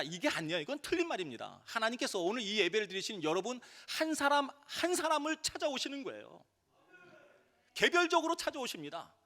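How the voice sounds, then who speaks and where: A middle-aged male pastor preaching with a high, bright voice that swings widely in pitch. He delivers the sermon in an animated way, acting out the voices of people in his stories. The sound carries a long reverb from the church hall.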